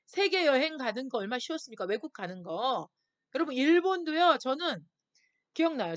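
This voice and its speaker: A woman pastor preaching to young people, her voice high and constantly rising and falling. She pushes hard on key points, then sinks to a soft near-whisper. The sound is close and dry. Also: no room sound. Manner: lively and emphatic, acting out voices of worried listeners. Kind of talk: sermon to a youth group.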